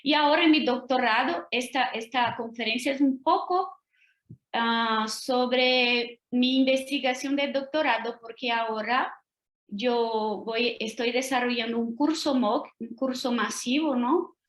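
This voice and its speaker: Her voice sits fairly high, with fairly even intonation and an unhurried pace. She is a Portuguese-speaking woman from Brazil serving as a guest lecturer, giving an academic lecture on a video call with roomy audio. She has a Brazilian Portuguese accent, paces carefully, and often adds tag questions to check in.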